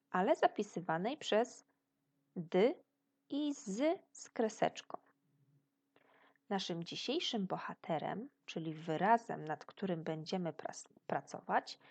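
A Polish woman teacher giving a video lesson to young children, slow and patient, praising their answers as if they were present. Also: mid-range voice, a little mellow. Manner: praises pupils' imagined answers. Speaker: primary school teacher.

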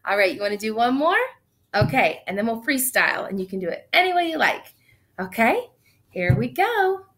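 Through a webcam on a video call in a small room, a woman in her thirties teaches an online class, counting beats and reading a picture book aloud with upbeat energy. Her voice sits on the high side, very animated and fairly bright, at a normal speed.

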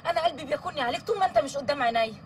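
A woman's voice: high voice, rapid-fire, close to an everyday voice. An actress playing a doting, emotional Egyptian woman in a TV drama. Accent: Egyptian Arabic. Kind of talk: TV drama acting. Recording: distant mic, heavy background noise.

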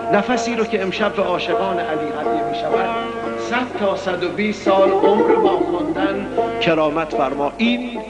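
A man recites poetry and tells a devotional tale in a fervent, declamatory, pleading way. His voice is raised and high. Clear music plays beneath him. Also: lo-fi sound. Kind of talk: emotional poetry recitation and storytelling. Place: live religious gathering.

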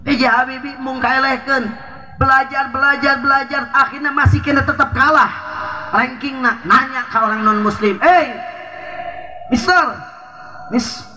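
A man's voice: very high-pitched, fairly even intonation, normal speed, background noise. A man with a Sundanese accent giving a humorous sermon at an outdoor village gathering, joking and asking the crowd questions. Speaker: preacher.

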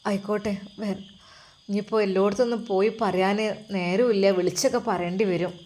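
A woman voicing an elderly, caring mother with a Malappuram accent who talks in a soft, coaxing way. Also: medium pitch, fairly even intonation, a little fast, close to an everyday voice. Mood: tender, reassuring. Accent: Malappuram Malayalam.

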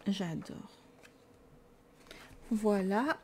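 Speaking very slowly in a medium-pitched, slightly mellow voice, a tired woman with a French accent shows her books in a casual vlog chat. She's enthusiastic and self-mocking, and there's slight background noise.

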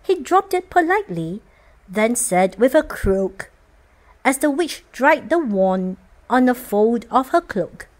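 A woman reading a rhyming children's picture book aloud as storyteller, expressive and sing-song. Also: a little high, slow.

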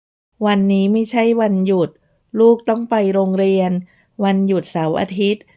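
A woman playing a proud, protective young mother who speaks in a sharp, clipped, defiant way. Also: medium pitch, fairly even intonation, normal speed, natural voice. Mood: coaxing.

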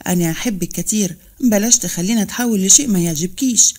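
A woman voicing a stern, proud middle-aged father from Upper Egypt, gruff and commanding, with an Upper Egyptian accent. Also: high voice, fast, darkish tone.

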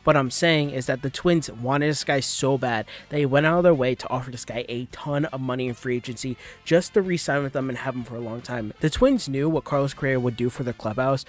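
A young man giving casual, rambling sports news commentary as a vlogger. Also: mid-range voice. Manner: rambling, excitable, informal.

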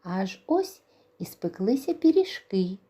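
Slow, lively woman telling a children's tale. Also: mid-range voice, husky. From Ukraine. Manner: slow, gentle, animated. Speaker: kindergarten teacher. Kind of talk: storytelling for children.

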